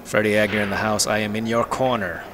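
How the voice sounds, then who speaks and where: A man's voice: lowish voice, steady tone, fast, heavy background noise. A man commentating a pool match on a live stream, chatty and joking, telling anecdotes between shots.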